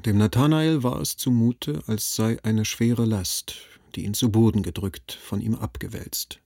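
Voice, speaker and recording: A man narrating a classic literary story in a measured, dramatic reading. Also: fairly low pitch, steady tone, creaky, warm tone, dry recording, studio quality. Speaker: audiobook narrator.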